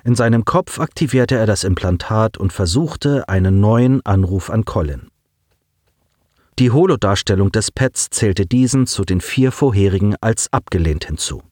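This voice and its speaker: A man narrates an audiobook with a lively, swinging voice at a middle pitch. The recording is dry and close, with no room sound. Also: moderate pace, no echo. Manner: expressive, lively reading.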